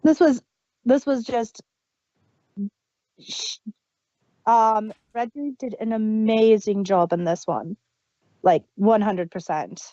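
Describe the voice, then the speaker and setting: Here a woman's fairly high, mellow voice moves at a slow pace with frequent pauses. She's a podcast co-host casually discussing an audio drama, often laughing and leaving thoughts unfinished. The sound is dry, muffled and dull.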